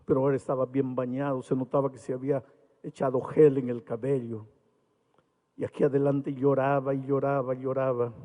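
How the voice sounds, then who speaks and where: A man's voice: mid-range voice, flat delivery, brisk. Peruvian man preaching in a large echoing arena. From Peru. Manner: soaring, impassioned preaching that drops to quiet storytelling. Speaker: pastor. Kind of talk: evangelistic sermon. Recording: long hall reverb.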